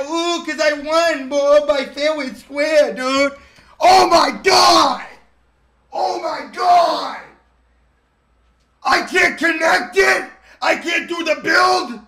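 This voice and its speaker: A young man with a lisp, streaming a game live and yelling and swearing in bursts of rage. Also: very high voice, slight background noise. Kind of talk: raging live-stream commentary.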